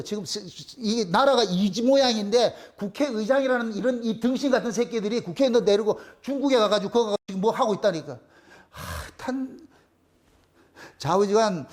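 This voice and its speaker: A man's voice: high-pitched, a little fast, darkish tone. A man, a pastor, preaching a sermon in a blunt, colloquial way and repeating his key phrases for emphasis. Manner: blunt, colloquial, crude at times. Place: church.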